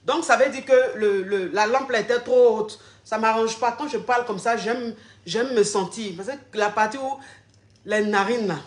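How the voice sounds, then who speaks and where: A woman's voice: on the high side, moderate pace, roomy sound, slight background noise. A woman gives relationship advice on a live stream. She repeats her phrases and calls her viewers darling and family.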